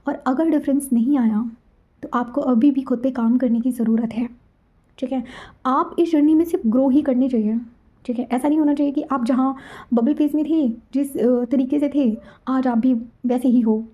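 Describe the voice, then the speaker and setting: A woman's voice: sits high, normal speed. A woman hosting a spiritual channel, telling a personal story and giving advice in a chatty way. She keeps checking in with the listener and mixes English words into her speech. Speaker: twin flame spiritual channel host. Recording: dull, lo-fi recording.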